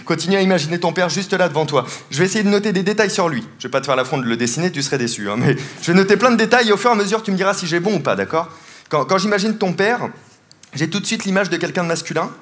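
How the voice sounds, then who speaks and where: A man's voice: sits high, rapid-fire, fairly bright tone. A man performing a comedic mentalism act on stage, teasing volunteers and laughing often as he talks. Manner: playful, teasing, laughs often while talking. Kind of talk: live stand-up mentalism show. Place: large theatre stage with live audience. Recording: live show with audience noise. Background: audience laughter and applause.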